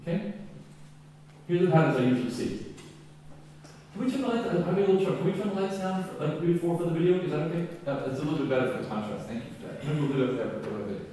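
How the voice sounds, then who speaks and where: Animated man lecturing in an echoey hall. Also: a little high, racing, recorded from a distance, slight background noise. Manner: animated, enthusiastic, acts out dialogue. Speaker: keynote speaker. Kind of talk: conference keynote talk.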